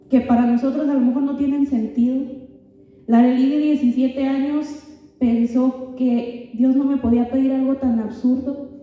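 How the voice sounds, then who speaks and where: Young woman, high voice, giving an earnest testimony to youth, recorded far off in a booming hall. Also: lo-fi sound. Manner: earnest, addresses listeners directly, often halting and repeating words. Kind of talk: emotional spoken testimony to a youth group.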